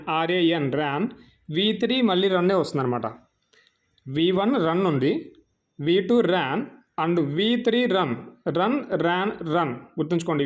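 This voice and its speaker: Male English teacher with a Telugu accent, a little high-pitched, patient, spells out each word and drills the verb forms. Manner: patient, spells words out letter by letter; repeats word forms in slow lists. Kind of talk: vocabulary lesson, Telugu explanations of English words.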